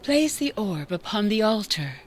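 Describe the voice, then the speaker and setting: A woman's voice: medium pitch, normal speed, noisy background, natural voice. Woman voicing a gracious temple cleric. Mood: solemn. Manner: formal, solemn, even delivery. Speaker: game character. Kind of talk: video game voice acting.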